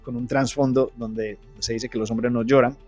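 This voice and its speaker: A man's voice: medium pitch, little pitch movement, normal speed, darkish tone, soft background music. A man telling his personal testimony in an interview, earnest and full of restarts. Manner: earnest storytelling, frequent restarts.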